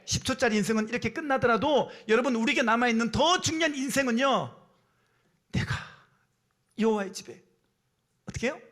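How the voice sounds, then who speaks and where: A man's voice: extremely high pitch, quick pace, few pauses, a bit bright. A man preaching a sermon as pastor in a church, emphatic and calling out to the congregation for responses. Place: church sanctuary.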